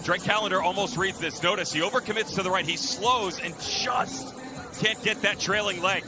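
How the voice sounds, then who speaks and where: A man's voice: high-pitched, normal speed, over music. A man giving live soccer analysis as color commentator, explaining plays emphatically.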